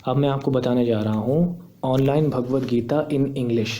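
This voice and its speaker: A man's voice: mid-range voice, fairly even intonation, measured pace, dark tone. A young man, patiently explaining step by step in a screen tutorial. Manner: patient, step-by-step, repeats points. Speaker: teacher.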